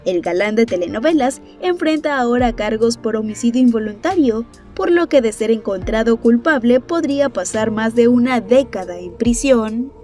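High-pitched woman newsreader for a gossip news clip, brisk and even, light music bed. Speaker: news narrator. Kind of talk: scripted entertainment news narration.

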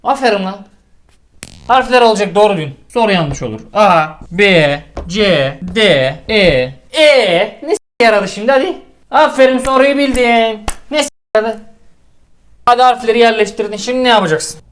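A man's voice: sits high, expressive, moderate pace, a bit bright. A man tutoring geometry in a comic lesson, scolding his student in an exasperated, crude way with swearing. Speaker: math tutor.

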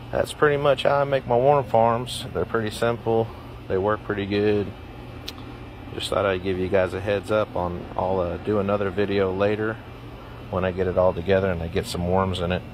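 A deep-voiced man talks through a home project in a relaxed, plain-spoken way, pausing on fillers now and then. He is recorded outdoors on a handheld phone, with noticeable noise behind him. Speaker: DIY vlogger. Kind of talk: casual how-to explanation. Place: outdoors in a yard.

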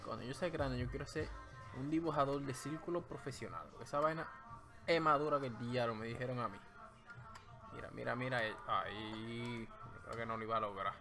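A man with a Dominican accent chats at home into a desk mic while he draws live, joking and rambling as he goes. His voice sits at an ordinary middle pitch, and clear music plays behind him. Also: brisk. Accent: Dominican Spanish. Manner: playful, rambling, jokey. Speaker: streamer drawing live. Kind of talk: joking running commentary while drawing. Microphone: desk microphone.

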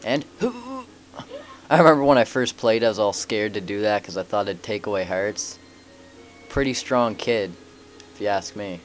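A man's voice: on the low side, moderate pace, soft background music. A man giving casual let's play commentary, cracking jokes and talking back at the game characters. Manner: joking, wisecracks at game characters.

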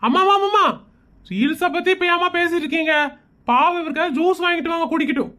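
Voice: very high voice, fast, bright, forceful tone. A woman voicing an irritated, sarcastic doctor in a comedy cartoon.

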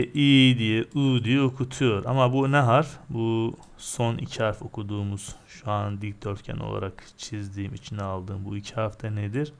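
A man's voice: mid-range voice, smooth. A man teaching a recorded reading lesson, drilling syllables patiently and answering his own questions.

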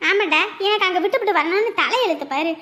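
A woman voicing a loud, quarrelsome older village mother in a cartoon who wails and scolds her son. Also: animated, fast, exaggerated voice. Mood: scolding. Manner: shrill, quarrelsome, wailing. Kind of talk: cartoon voice acting.

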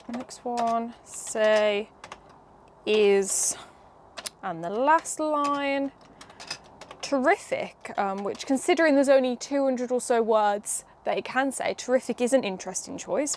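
A woman's voice: high-pitched, slight background noise. A young woman hosting a casual hands-on demo, chatting and explaining each step with a few fillers. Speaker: host.

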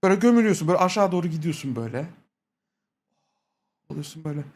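A man's voice: fairly high pitch, animated, very fast, a little mellow. A man streaming, telling a crude, profane story in casual chat, laughing often and quoting people with repeated "he said".

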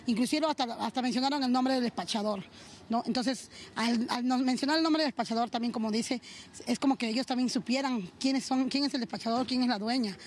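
Shaken woman testifying, high and fast. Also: a little hiss or hum. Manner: shaken, halting, many restarts and repeated words. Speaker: eyewitness interviewee. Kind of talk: spontaneous street testimony.

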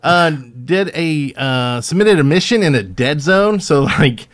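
A man's voice: a little high, animated, measured pace. Rambling man on a podcast. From Alabama, USA. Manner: rambling, with many fillers and restarts. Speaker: podcast co-host. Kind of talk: casual chat.

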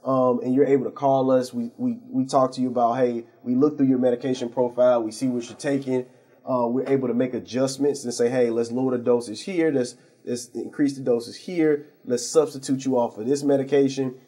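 A man's voice: medium pitch, flat delivery, fairly quick, warm tone, husky. A man, a pharmacy owner, explaining his services as a guest on a TV interview show, earnest and full of fillers and restarts. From St. Louis area.

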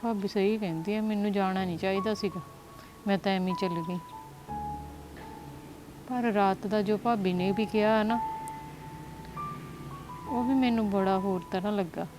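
A woman playing a hurt married sister who speaks softly and then turns sharp and defiant. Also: medium pitch, fairly even intonation, normal speed, pauses often, music in the background, lightly acted. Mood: brooding. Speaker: married sister visiting her brother. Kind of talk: village family drama acting.

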